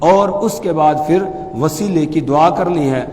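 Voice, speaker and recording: A man teaching as a mufti, explaining pronunciation calmly and then chanting phrases slowly and loudly. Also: a little high, in a large hall. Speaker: mufti teaching the call to prayer. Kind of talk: religious lesson with chanted demonstrations.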